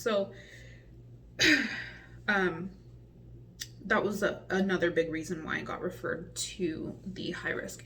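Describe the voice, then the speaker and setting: A woman's voice: lowish voice, a bit bright, distant mic, slight background noise. A woman in her forties chatting casually in a pregnancy update vlog, a little out of breath and full of ums. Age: 40s. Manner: rambling with many ums, chatty and upbeat. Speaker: vlogger.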